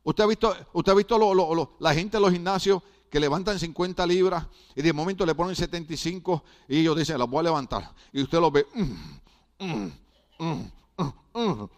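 A middle-aged man preaching a sermon as a pastor, acting out quoted dialogue and asking the congregation questions. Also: a little high. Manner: asks the congregation questions, call and response.

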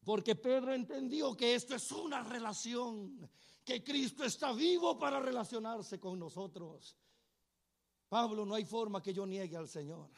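A male preacher telling a sermon as a dramatized story, acting out the voices of its characters and swinging between hushed lines and shouts. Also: very high-pitched, measured pace, gravelly.

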